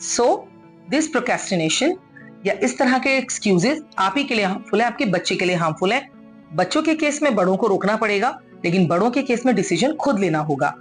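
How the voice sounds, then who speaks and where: A woman's voice: medium pitch, expressive, normal speed, faint music behind. A woman giving an earnest, coaxing motivational talk, mixing English phrases into her speech. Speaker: motivational speaker.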